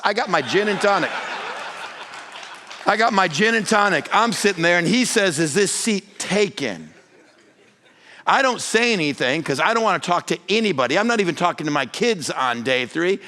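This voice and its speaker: A male pastor telling a comic story in a sermon, animated and rising in pitch as he gets excited. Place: church or conference hall.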